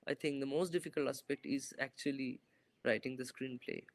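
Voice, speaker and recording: A young male filmmaker, a guest, answers interview questions over a laptop-camera video call from a bright indoor room, thoughtful and hesitant, with lots of fillers and restarts. His voice sits at medium pitch with a steady tone and some vocal fry, and he talks fairly quickly. There's no echo.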